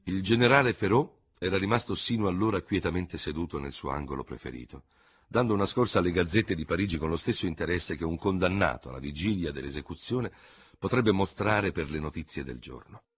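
A man reading a novel aloud as an audiobook narrator, slow and dramatic. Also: low-pitched, lively intonation, husky. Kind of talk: scripted narration.

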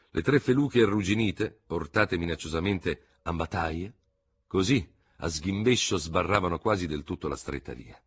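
A man reading a novel aloud as an audiobook narrator, slow and dramatic. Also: low-pitched, breathy edge. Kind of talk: scripted narration.

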